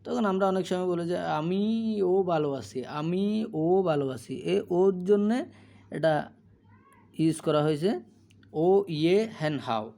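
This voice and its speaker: A man gives a patient language lesson, sounding each phrase out slowly and repeating it for his learners. His voice is fairly high for a man, with a gravelly, dark edge. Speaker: language teacher. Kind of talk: slow explanatory language lesson.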